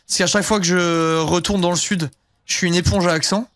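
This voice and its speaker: A man's voice: high-pitched, fairly even intonation, fairly quick, fairly bright tone, no room sound, studio quality. A young man streaming a game, chatting casually and rambling with lots of fillers and casual swearing. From southern France. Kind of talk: casual live-stream chat while gaming.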